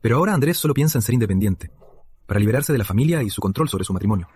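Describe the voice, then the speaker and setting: An earnest, formal man pleads a friend's case in a dubbed drama. His husky voice rises and falls in lively swings. The sound is close and dry. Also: fairly low pitch, rapid-fire, no room sound. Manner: earnest, persuasive, formal address.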